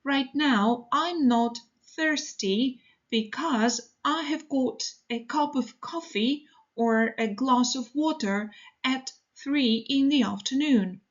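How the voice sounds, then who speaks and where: A woman teaching English, reading model sentences for learners in a slow, deliberate, evenly paced way. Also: high voice, highs cut off.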